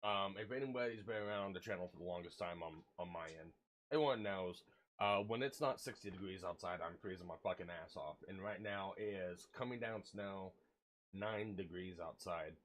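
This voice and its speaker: A brisk, low male voice belongs to a livestreamer who is ill with a cold and cough. Speaking into a desk mic, he chats casually and rambles, leaning on fillers and letting slip the odd swear word.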